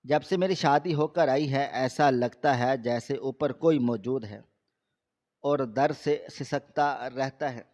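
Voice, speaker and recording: A man voicing a newly married young woman who speaks softly and caringly to her young sister-in-law. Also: mid-range voice, close to an everyday voice. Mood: indignant. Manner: soft, coaxing and caring. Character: gentle, worried young bride, newly married. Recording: slightly dull lo-fi recording.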